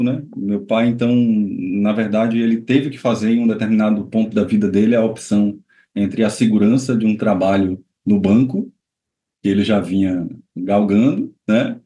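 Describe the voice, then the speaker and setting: A man's voice: medium pitch, dark tone, reverberant. A man, a guest composer chatting casually over a video call, rambling with many fillers. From Bahia, Brazil. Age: 30s.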